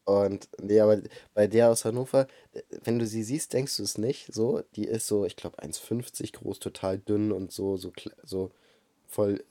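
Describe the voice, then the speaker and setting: Low, mellow woman telling a story. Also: normal speed. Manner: relaxed storytelling with fillers and laughs. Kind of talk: casual chat.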